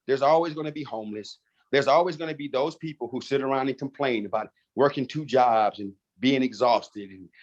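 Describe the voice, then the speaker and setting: A man leading a marketing team, talking in a fired-up, animated, straight-talking way in a casual chat on a video call. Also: mid-range voice, lo-fi sound. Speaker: network marketing team leader.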